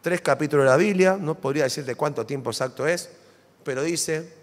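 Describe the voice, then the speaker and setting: A man with an Argentine accent preaching a sermon in a church, dramatic and animated, full of rhetorical questions. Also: on the high side, a little fast. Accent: Argentine Spanish. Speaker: pastor. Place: church sanctuary. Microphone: stage microphone. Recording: long church hall reverb.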